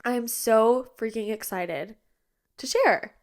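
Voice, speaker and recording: Recorded on a tripod-mounted iPad, a young woman in her twenties hosts a casual podcast chat from her bedroom. Her voice sits on the high side and she talks slowly. She sounds somewhat nasal and congested, weary but bubbly, and fills her speech with lots of fillers.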